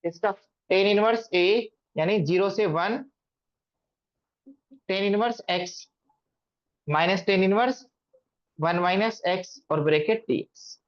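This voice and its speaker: A man's voice: sits high, dull audio. A man teaching maths to a class. He asks the students questions and repeats them often. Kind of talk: classroom lecture.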